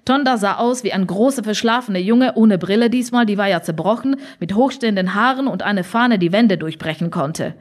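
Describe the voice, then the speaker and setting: A woman reading a story aloud with expressive, dryly humorous narration. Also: medium pitch, a little fast, hardly any pauses. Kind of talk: scripted audiobook narration.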